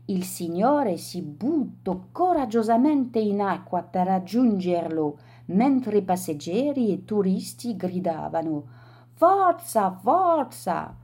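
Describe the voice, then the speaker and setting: Slow, mellow woman storyteller. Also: mid-range voice, lively intonation, slightly rough. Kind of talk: children's story reading.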